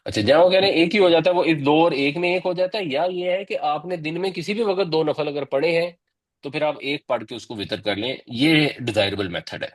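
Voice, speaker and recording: A man teaching a religious lesson, explaining things patiently and step by step. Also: a little high. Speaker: Quran teacher.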